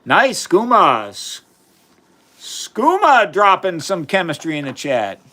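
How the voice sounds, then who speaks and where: A man's voice: high-pitched, wildly swooping pitch, slow, bright, forceful tone. Chatty man hosting a science livestream. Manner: chatty, enthusiastic, reads chat aloud. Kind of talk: casual live science demonstration.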